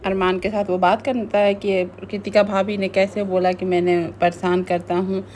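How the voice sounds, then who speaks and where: A woman's voice: mid-range voice, flat delivery, normal speed, darkish tone, a little hiss or hum. Woman chatting thru a reality show recap, stops and restarts a lot, easy mid-range voice. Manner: chatty retelling with frequent restarts. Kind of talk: casual spoken recap.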